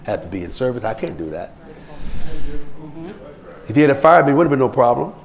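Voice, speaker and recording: Animated preaching man. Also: brisk. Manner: preachy, animated, acts out quoted people in rising pitch. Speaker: pastor. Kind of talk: sermon with anecdotes.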